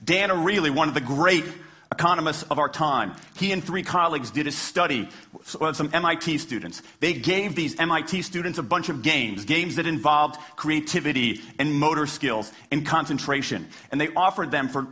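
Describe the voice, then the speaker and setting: A man's voice: on the high side, normal speed, pushed and bright. An American man giving a persuasive stage talk like a passionate closing argument, with emphatic rhetorical questions and punchy short phrases. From Washington, D.C., United States. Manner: passionate closing argument, like a lawyer addressing a jury. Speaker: public speaker, former lawyer.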